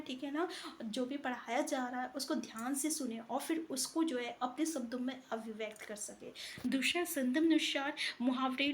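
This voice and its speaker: A woman's voice: sits high, a little hiss or hum. A woman teaching an exam-prep lesson, working through answers step by step and often checking in with her students. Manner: explains answers step by step, often asks "ठीक है".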